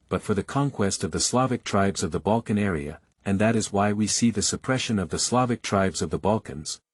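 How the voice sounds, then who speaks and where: A man's voice: on the low side, slightly rough, no room sound, clean studio sound. A man reading a historical parliamentary speech aloud in a declamatory, oratorical manner.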